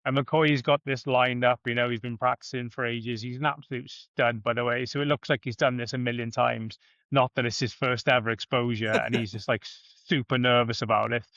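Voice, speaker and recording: A man's voice: medium pitch, flat delivery, a little fast, a bit bright, no echo. A man telling a story as a podcast guest over a bad call connection that keeps dropping, rambling casually and swearing freely. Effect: bad connection, signal dropping on a call. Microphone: remote call. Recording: dull lo-fi call line, dry.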